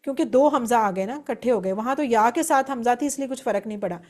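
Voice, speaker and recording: A woman's voice: on the high side, darkish tone. A woman teaching an Arabic grammar lesson, explaining step by step and reciting verb forms aloud.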